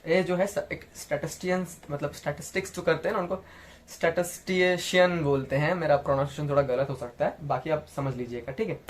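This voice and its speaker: A man's voice: fairly high pitch, fairly even intonation, fast, hardly any pauses, a little hiss or hum. A man teaching a casual computer basics class, chatty, often checking in with the listener and restarting his words. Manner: chatty, repeats "theek hai" and "dekhiye", frequent restarts. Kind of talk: casual Hindi tutorial lecture.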